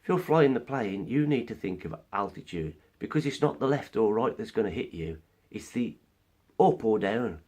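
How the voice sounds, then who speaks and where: A man's voice: on the low side, lively intonation, normal speed, darkish tone. A man with a cold, giving an earnest, explanatory opinion monologue as a vlogger. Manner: earnest, explains through analogies. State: has a cold, coughing now and then.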